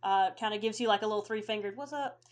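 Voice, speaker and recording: A woman's voice: medium pitch, level tone, racing. A woman narrating a tabletop game as game master, casual with many fillers.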